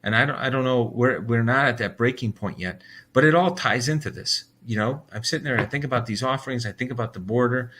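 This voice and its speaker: Husky, bright-voiced American man ranting. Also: medium pitch, quick pace. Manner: heated, blunt, swears, restarts a lot. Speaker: host of a daily bible reading livestream. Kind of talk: ranting casual monologue.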